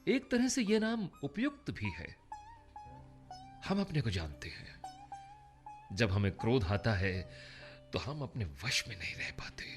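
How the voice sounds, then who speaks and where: An actor playing a remorseful, brooding Indian emperor in a Hindi radio drama, solemn and theatrical with dramatic pauses. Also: male voice, on the low side, big pitch swings, faint music behind. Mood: grave, confessional. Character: remorseful, brooding Indian emperor, once feared for his rage.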